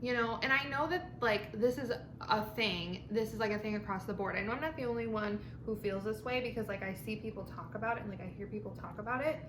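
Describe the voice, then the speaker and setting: Talking fast with barely a pause, this woman has a mid-range voice as she rambles informally to her vlog camera during lunch. She leans on filler words and swears mildly now and then. Echo and noticeable background sound fill the space.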